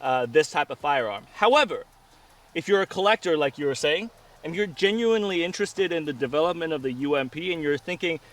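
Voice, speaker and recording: A man's voice: fairly high pitch, lively intonation, fairly quick, fairly bright tone. A man hosting a casual firearms review, talking outdoors at a range. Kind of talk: casual chat, gun review. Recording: distant mic, faint outdoor noise.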